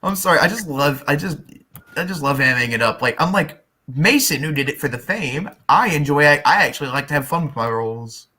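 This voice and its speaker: Eager man with a lively voice. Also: fairly high pitch, brisk. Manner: eager, stumbling restarts. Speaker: fan voice actor. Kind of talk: casual group chat.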